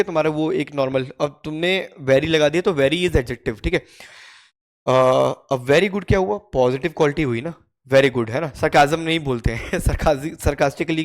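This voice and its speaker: Indian guy teaching english usage, kinda high voice, keeps asking "got it?". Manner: repeats "ठीक है?" to check understanding, reads English examples slowly. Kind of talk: explaining grammar to learners.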